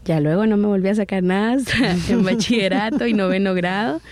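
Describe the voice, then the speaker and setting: A woman in her thirties with a Salvadoran accent, a guest telling her life story in an interview in a reflective, unhurried way. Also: medium pitch, darkish tone, no echo. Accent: Salvadoran Spanish. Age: 30s.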